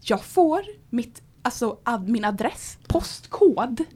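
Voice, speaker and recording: A young woman with a high voice tells a story in a relaxed podcast chat. She acts out her own quoted lines with lively animation. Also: slightly rough. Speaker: podcast co-host.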